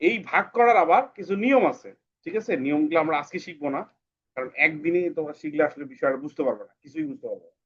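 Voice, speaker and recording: A male English teacher giving a class to children, patiently repeating words slowly and breaking them into syllables. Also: on the high side, husky. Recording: dull lo-fi sound.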